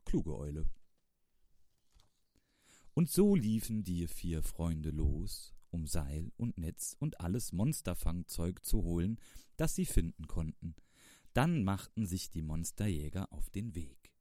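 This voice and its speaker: A man reading a children's storybook aloud in a calm, measured way. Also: sits low, no room sound, clean studio sound. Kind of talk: storybook narration.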